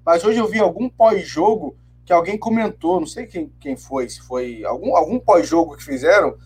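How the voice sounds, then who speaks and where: A man's voice: fairly high pitch, lively intonation, a little mellow, breathy edge. A man co-hosting a casual football chat, giving his opinions firmly. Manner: fast, casual, gives firm opinions. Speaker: football podcast co-host.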